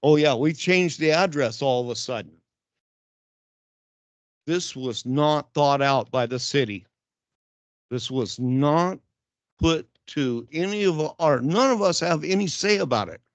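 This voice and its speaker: A blunt, aggrieved older man speaks during public comment at a council meeting, rambling through his complaint. His voice is on the high side, unhurried and full of pauses, with no room sound, picked up by a dull lo-fi council chamber mic.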